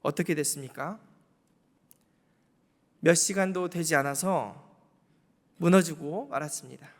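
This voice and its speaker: Pastor preaching in a reverberant hall. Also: male voice, fairly high pitch, a little slow. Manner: rhetorical questions and emphatic repetition. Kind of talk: Wednesday evening sermon. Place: church sanctuary.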